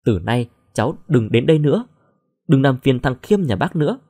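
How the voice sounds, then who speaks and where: Cold older mother, curt, dismissive, firm, husky voice, as a narrator puts her on. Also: mid-range voice, lively intonation, moderate pace, warm tone.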